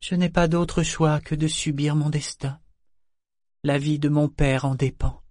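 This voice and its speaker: A man's voice: on the high side, steady tone, a little slow, a little mellow, no room sound, studio quality, pitched above the performer's own voice, close to an everyday voice. A man reading an audiobook voices a tearful, dutiful young noblewoman in a raised, pleading voice. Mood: tender, resigned.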